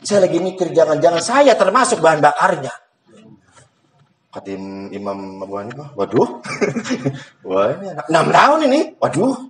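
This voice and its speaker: A man's voice: fairly high pitch, very animated, moderate pace, a bit bright, poor audio. A man giving a humorous sermon, joking and laughing often. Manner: jokes and laughs often, mixes in Sundanese. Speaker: preacher.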